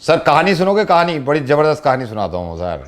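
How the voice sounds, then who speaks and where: A man's voice: on the high side, big pitch swings, a little fast, crowd noise. A man playing a radio prank, chatting and telling a teasing story to a caller. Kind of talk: playful radio prank call.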